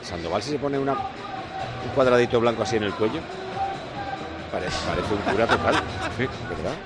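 A man's voice: fairly low pitch, normal speed, loud music behind the voice, over a noisy crowd. A man with an accent from Spain anchoring a live football radio show, bantering with reporters. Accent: Spanish from Spain.

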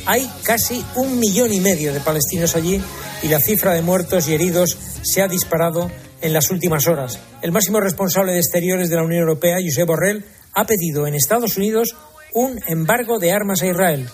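A man's voice: high voice, fairly quick, a little mellow. A man delivering scripted news narration as a radio commentator. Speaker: radio commentator previewing a debate. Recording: faint music behind.

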